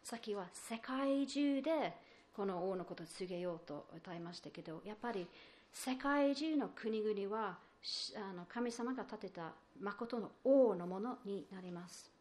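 A woman's voice: mid-range voice, lively intonation, measured pace, darkish tone. A woman preaching a sermon, explaining patiently and asking the listeners questions, with many fillers and restarts. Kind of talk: sermon on a psalm.

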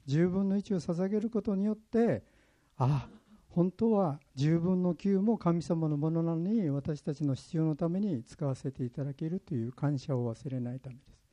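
A man's voice: a little high, warm tone. A pastor from Kyushu, Japan, preaching a sermon in an earnest way, sharing his own stories. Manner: earnest, personal storytelling.

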